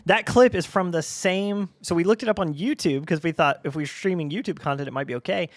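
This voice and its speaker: This is a man co-hosting a casual podcast, retelling a scene with animated energy and bursts of laughter. His voice sits a little high for a man. The sound is close and dry. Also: a little fast, dry recording. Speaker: podcast co-host. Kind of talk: casual chat.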